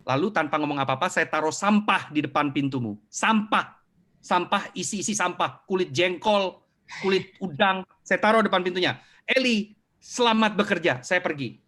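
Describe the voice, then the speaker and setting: Man, middle-aged, motivational speaker, animated storyteller, slightly high voice. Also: normal speed. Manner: animated storyteller who acts out scenes. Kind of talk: live online talk with audience questions.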